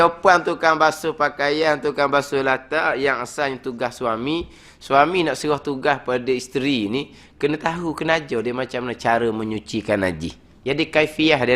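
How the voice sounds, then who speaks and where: A man with a mid-range voice gives a weekly study lecture in a prayer hall as a religious teacher. He talks in a lively, conversational way, dropping frequent "ha" fillers.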